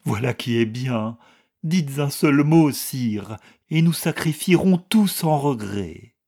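A man's voice: mid-range voice, lively intonation, slow, vocal fry, warm tone, full character voice. A man voicing an old, emotional, patriotic count and father in an audiobook reading. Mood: fervent.

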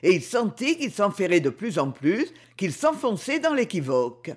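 A man reading a novel aloud in expressive, scripted narration. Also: high-pitched, moderate pace, breathy edge. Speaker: audiobook reader.

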